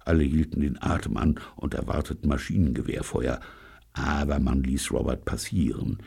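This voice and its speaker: A man's voice: very deep voice, normal speed, vocal fry, a little mellow, husky. An older man narrating an audiobook in a dry, wry storytelling manner. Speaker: audiobook reader.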